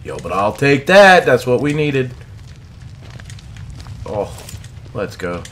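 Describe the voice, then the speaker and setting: Animated male gamer, casual and slangy. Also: medium pitch, slow pace, slight background noise. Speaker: game streamer. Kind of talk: casual live gameplay commentary. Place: indoor streaming room.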